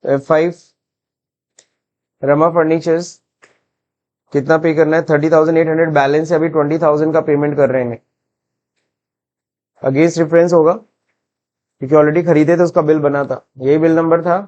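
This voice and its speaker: Indian-accented male tutor, fairly high voice, dull lo-fi screen recording, quizzes the class and answers himself. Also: little pitch movement, normal speed, pauses often, a little mellow. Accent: Indian English. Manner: mixes Hindi and English, asks and answers his own questions. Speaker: accounting software teacher.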